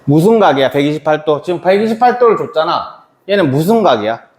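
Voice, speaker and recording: A man's voice: fairly high pitch, big pitch swings, quick pace, darkish tone. A man teaching a math lesson to a class, chatty and quizzing students by name. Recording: echoey classroom.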